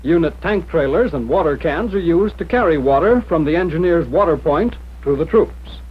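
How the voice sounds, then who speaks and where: An American man narrates a scripted 1940s military training film in a plain-spoken, direct, instructive manner. His voice is a little high and animated with a breathy edge, at a normal speed, and the soundtrack is muffled and dull as 1940s film audio.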